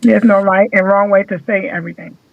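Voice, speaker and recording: A man's voice: high voice, steady tone, brisk, creaky, no room sound. A man co-hosting a casual talk show, giving his opinion in a thoughtful, hedging way. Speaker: co-host. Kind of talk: casual chat. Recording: thin phone-like line, dry.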